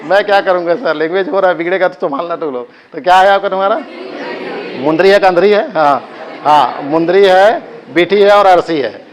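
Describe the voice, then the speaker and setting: A man's voice: sits high, normal speed, some chatter behind. A male coaching teacher with a Chhattisgarhi accent, giving a live class lecture, drilling students with chanted repetition and joking asides.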